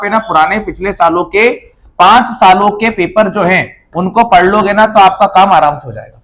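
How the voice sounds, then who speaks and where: A man's voice: sits high, fairly bright tone. A male teacher giving exam preparation advice to students in an informal, reassuring way, often repeating himself and checking in with "है ना".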